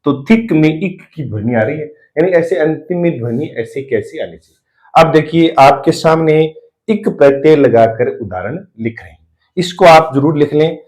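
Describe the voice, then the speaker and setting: A man's voice: fairly high pitch, expressive, moderate pace, a little mellow, rough recording. A man teaching a spelling lesson at a board, who asks his class questions and answers them himself while he writes.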